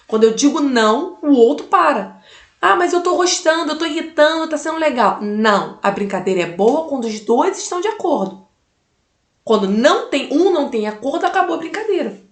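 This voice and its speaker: A woman's voice: fairly high pitch, roomy sound. A mother giving life advice in an emphatic motivational talk, repeating key phrases and asking the listener direct questions.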